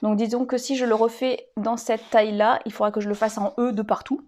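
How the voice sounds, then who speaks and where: Brief: woman in her forties, casual sewing vlogger, chatty and rambling, voice sits a bit high. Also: steady tone, brisk, darkish tone. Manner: chatty, rambling, many fillers and restarts.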